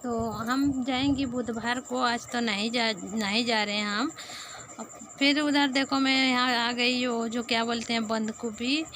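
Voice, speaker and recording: A woman with a Sambalpuri Odia accent, a native Odia speaker narrating a casual vlog in halting Hindi, searching for words. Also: fairly high pitch, steady tone, a bit bright, slight background noise. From Sambalpur, Odisha. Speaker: vlogger.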